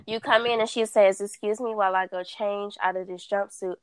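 A woman hosting a casual chat, reading dating scenarios aloud at a slow, deliberate pace and laughing often. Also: mid-range voice, fairly even intonation, slight background noise. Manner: reads questions slowly, laughs often.

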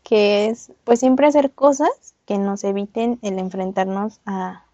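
A woman's voice: medium pitch, fairly even intonation, a little slow, dark tone, dry recording, lo-fi sound. A young woman co-hosting a podcast, telling a personal story in casual chat, laughing often and acting out voices. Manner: laughs often, acts out voices in her anecdotes. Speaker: podcast co-host.

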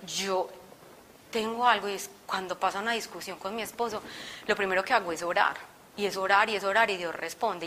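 A woman's voice: medium pitch, bright, forceful tone, a little hiss or hum. A young woman giving a personal faith testimony to a group, telling her story expressively and acting out her own past words. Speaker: testimony speaker.

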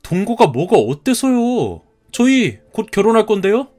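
A man's voice: sits high, big pitch swings, moderate pace, mellow, soft background music. A man in his thirties voicing a polite but stubborn young groom-to-be who answers back in a cartoon story. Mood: pleading. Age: 30s. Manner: polite, defiant retorts.

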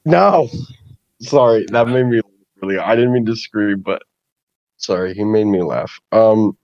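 Low-pitched guy rambling on a podcast, laughs at himself a lot, muffled dry mic. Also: fairly even intonation, normal speed, darkish tone, dry recording. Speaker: podcast guest streamer. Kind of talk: casual podcast chat.

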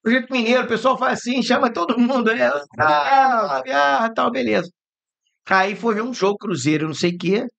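A Brazilian man with a high, gravelly voice tells stories on a podcast. He talks in a loose, animated way, swearing and jumping into the voices of the people in his anecdotes. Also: moderate pace. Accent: Brazilian Portuguese. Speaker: podcast host. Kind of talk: casual storytelling chat.

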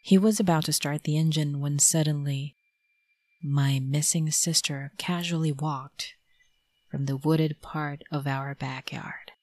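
Slow, low-voiced Filipino woman storyteller. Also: fairly even intonation, darkish tone, dry recording. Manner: measured, dramatic storytelling delivery. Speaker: storyteller host. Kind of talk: scripted spooky story narration.

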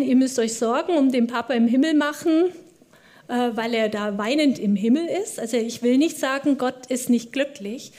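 High-voiced earnest woman preaching. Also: a little mellow. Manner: earnest, conversational, with many fillers and restarts. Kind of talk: personal testimony sermon.

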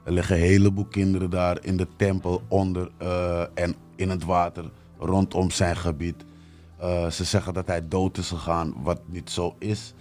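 Deep-voiced man, insistent and forceful. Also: level tone, moderate pace, soft background music. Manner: insistent, talks over the host. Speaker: guest. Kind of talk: casual podcast chat.

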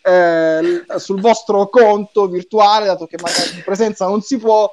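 A man's voice: high-pitched, fairly even intonation, moderate pace, darkish tone. A man hosting a casual live football chat, bantering and often repeating his phrases. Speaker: host of a football talk live stream.

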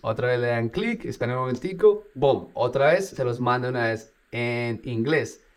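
Animated and at a normal speed, a man who owns a business addresses his audience head-on in a laid-back tutorial video. His delivery is energetic, peppered with sound effects like "boom".

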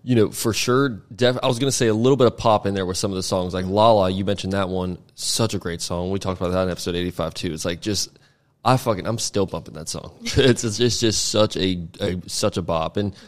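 A young man hosting a podcast who talks fast and rambles with excitement. His voice is low, and he swears casually in between bursts of praise. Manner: enthusiastic, swears freely, quick rambling praise. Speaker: podcast host. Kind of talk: casual interview chat.

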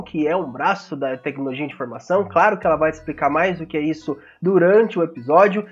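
A Brazilian man with a hoarse, scratchy sore-throat voice, hosting a podcast in a casual, informal way. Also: high voice, muffled recording. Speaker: podcast host. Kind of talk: casual solo podcast introduction and sponsor read.

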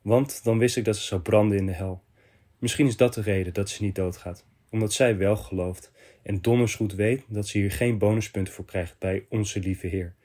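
A man hosting a podcast, reading a listener's confession letter aloud in short, measured phrases. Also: lowish voice, fairly even intonation, warm tone.

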